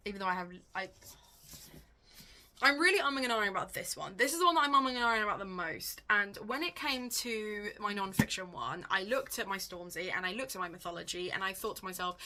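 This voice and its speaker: A woman who makes book videos chats casually and thinks out loud, her speech wry, animated and full of self-questioning. Her voice sits at a medium pitch and moves fairly quickly.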